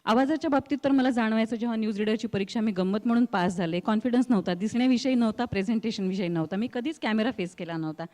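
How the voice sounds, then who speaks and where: Woman, middle-aged, rural Marathwada Marathi accent, fairly high voice, expressive storytelling, long hall echo. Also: quick pace, hardly any pauses. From Marathwada, India. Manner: expressive, acts out quoted voices, laughs often. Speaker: guest, news reader and anchor. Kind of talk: animated storytelling interview.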